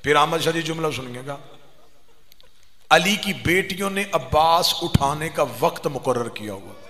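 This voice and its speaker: A man's voice: on the high side, lively intonation, normal speed, bright, forceful tone. A man reciting a devotional story as a zakir, in an impassioned, sing-song storytelling manner. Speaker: zakir reciting at a religious gathering. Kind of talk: devotional majlis narration with quoted dialogue. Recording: long hall reverb.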